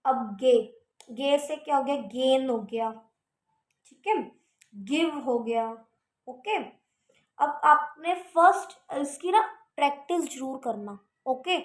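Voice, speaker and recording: A woman's voice: high-pitched, expressive, slow, roomy sound. A woman teaching shorthand in casual Hindi with English terms. She keeps checking understanding with "theek hai". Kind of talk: casual classroom explanation.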